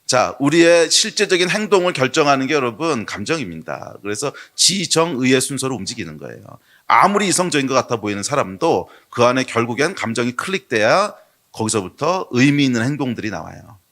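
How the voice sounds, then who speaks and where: A middle-aged man preaching a sermon as pastor, telling everyday stories with lively acted-out quotes. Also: medium pitch, fairly quick. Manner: lively storytelling sermon, bursts into shouted quotes. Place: church sanctuary.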